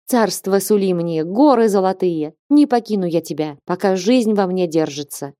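A woman's voice: fairly low pitch, expressive, normal speed, warm tone, no room sound, clean studio sound, natural voice. A woman reading an audiobook and voicing a despairing young woman who pleads in a raised, plaintive voice. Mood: pleading.

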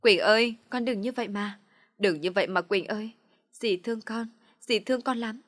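A woman's voice: medium pitch, moderate pace, fairly bright tone, lightly acted. A woman voicing a grieving aunt who pleads tearfully with her niece in a spoken story. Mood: pleading.

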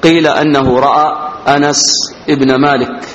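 Measured man teaching in an echoing hall. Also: medium pitch, little pitch movement, slight background noise. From Yemen. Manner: slow, deliberate, repeats words for students to note; raises his voice when reading the quoted text. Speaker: religious teacher. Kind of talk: classical text commentary lesson. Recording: roomy hall echo, dull lo-fi sound.

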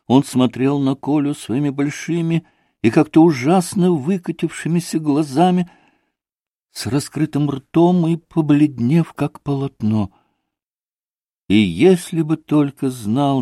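A man narrating a classic novel in a measured, deliberate storytelling manner. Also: medium pitch, dark tone, no room sound, clean studio sound. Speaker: audiobook narrator. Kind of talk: scripted literary narration.

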